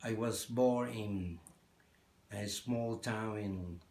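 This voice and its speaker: A man from Peru with a Spanish accent, a guitarist answering interview questions in halting English. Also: on the low side, a little mellow, reverberant. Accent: Peruvian Spanish. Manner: halting, searching for English words. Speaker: guest guitarist. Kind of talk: interview conversation.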